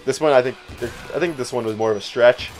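A young man rambles through loose gameplay commentary, swearing often and jumping into arguments with his co-host. He speaks at an ordinary middle pitch. Faint music plays underneath. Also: fast, a little mellow. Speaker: let's play host.

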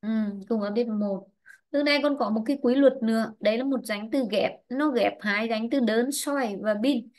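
Brief: female teacher, fairly high voice, online lesson, patient and prompting. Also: moderate pace, darkish tone. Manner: patient, quizzing and prompting students by name. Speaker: English teacher. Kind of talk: online class, questioning students and explaining grammar rules.

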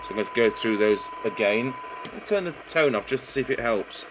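Fairly quick and mid-range, this British man's voice comes through a clearly noisy workshop camera recording with steady background noise. He's indoors at a repair bench, thinking aloud during an informal, no-nonsense technical demonstration.

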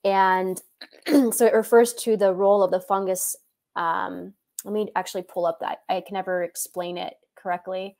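A woman joins a casual podcast from home on a video call. Her voice is mid-pitched and plain. She explains at some length, pausing with hesitant fillers. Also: little pitch movement, a little mellow. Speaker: podcast guest. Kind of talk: casual chat.

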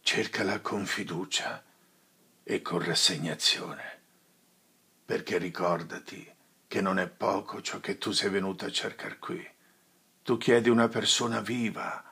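A man's voice: sits low, gravelly, pushed and bright, breathy edge, heavily acted. A man voicing a severe old friar in an audiobook, solemn and admonishing. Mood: grave. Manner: solemn, admonishing, with thundering outbursts.

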